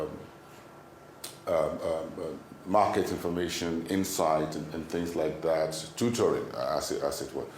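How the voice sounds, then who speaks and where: A Nigerian man working as a news anchor, putting questions to a panel in a halting way, searching for words. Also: deep voice, darkish tone. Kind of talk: studio panel interview. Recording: echoey room, background noise.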